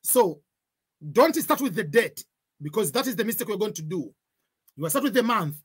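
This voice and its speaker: Man, 40s, webcam tutorial, husky voice, patient repeating explainer. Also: high-pitched, very animated, normal speed. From Tanzania. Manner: repeats points, gives examples, cautionary tone. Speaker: online tutor. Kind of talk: screen-share tutorial.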